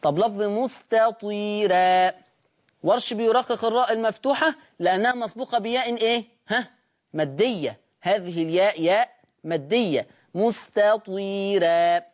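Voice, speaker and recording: A man with an Egyptian accent hosting a televised Quran recitation lesson. He speaks slowly and deliberately, drawing out example words and asking his students rhetorical questions. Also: high-pitched. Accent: Egyptian Arabic. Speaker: Quran recitation teacher and show host.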